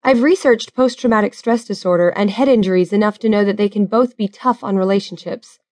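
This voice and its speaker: A woman's voice: medium pitch, a little fast, a little mellow, dry recording, close to an everyday voice. A woman narrator voicing a worried, earnest young woman waiting for her fiancé to come home.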